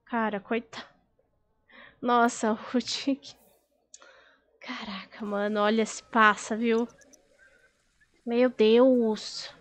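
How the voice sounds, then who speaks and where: Woman streamer, high-pitched, expressive and chatty, casual gameplay talk. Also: very slow, pauses often, no room sound. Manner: chatty, expressive, laughs often. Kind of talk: casual gameplay chat, reading out chat.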